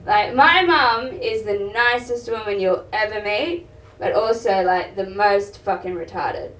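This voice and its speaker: A woman's voice: mid-range voice, unhurried, a bit bright. A young woman performing a stand-up comedy set, blunt and swearing, rambling with fillers, in a live venue with an audience. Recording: roomy live venue, mic heard from a distance. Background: audience laughter and room noise.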